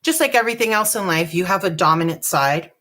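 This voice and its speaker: A woman hosting a live dot painting tutorial, chatty and relaxed, joking about her own nerves. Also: fairly low pitch, quick pace. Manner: chatty, relaxed, self-deprecating. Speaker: craft tutorial host.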